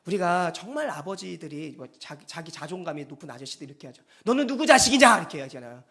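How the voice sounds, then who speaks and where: A pastor giving a Sunday sermon in a church, animated and acting out quoted speech. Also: mid-range voice, fast, creaky.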